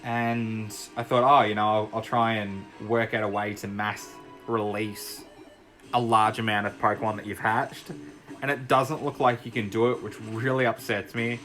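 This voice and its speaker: A man's voice: lowish voice, level tone, moderate pace, a bit bright. A young man chatting casually as he plays and commentates a video game, rambling and laughing easily. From Australia. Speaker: gaming YouTuber. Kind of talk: casual commentary while playing. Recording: faint music behind.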